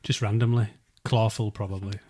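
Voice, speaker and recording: A man's voice: fairly low pitch, flat delivery, normal speed, a little mellow, no echo, studio quality. A man co-hosting a podcast, chatting casually and jokingly in a matey, sweary way. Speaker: podcast co-host.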